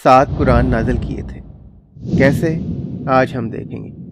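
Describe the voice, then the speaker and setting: Over a noisy background, a man with a steady, medium-pitched voice explains a clip on his channel. His commentary is casual and plain, sprinkled with English words.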